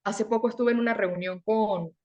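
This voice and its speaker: A young adult woman from Venezuela, a guest in an interview, telling her story in an earnest, animated way, often repeating words for emphasis. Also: mid-range voice, moderate pace, dull audio. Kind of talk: conversational interview.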